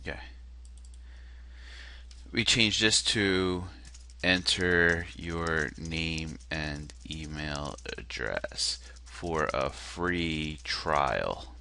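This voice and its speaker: Extremely slow and very deep, with vocal fry, this man's nasal voice still comes across bright and forceful. He's a marketer giving a casual screen-share critique of a landing page, self-deprecating, hesitant and heavy on fillers. A little hiss or hum sits in the background.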